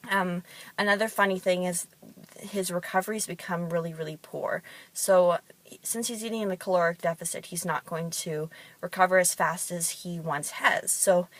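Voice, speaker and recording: A woman's voice: fairly low pitch, normal speed, fairly bright tone. A woman who works in fitness and competes in bodybuilding, telling chatty stories with frequent ums. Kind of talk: casual storytelling monologue.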